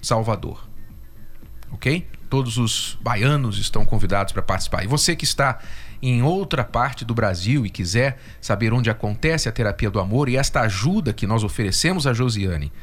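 A man hosting a radio advice show, earnest and direct, repeating key details slowly. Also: medium pitch.

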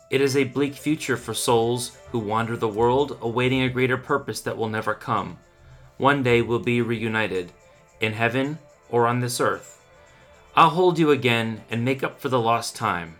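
A man's voice: medium pitch, a bit bright, lightly acted. A man playing an earnest, grandiose, lovelorn radio poet-doctor in a mock radio segment, with theatrical, florid delivery. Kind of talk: mock radio segment with sponsor reads and dramatic poetry.

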